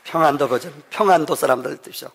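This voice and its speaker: A man's voice: fairly high pitch, fast, gravelly, a bit bright, a faint crowd, slight background noise. A pastor from Seoul who chats and jokes with his congregation in a church sanctuary. He speaks in a long church hall reverb. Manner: chatty, joking with congregation. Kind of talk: sermon.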